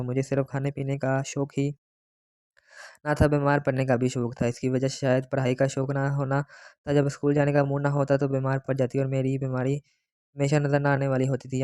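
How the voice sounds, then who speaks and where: A man reading an audiobook aloud, narrating a first-person story in a steady manner. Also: medium pitch, smooth, dry recording. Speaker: audiobook reader.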